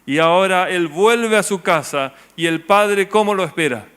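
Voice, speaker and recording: Male pastor, Rioplatense accent, sermon delivery; higher-pitched, drops to soft low tones for emphasis. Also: moderate pace, smooth. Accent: Rioplatense Spanish. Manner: rhetorical questions to the congregation, voice dropping low and soft on key words.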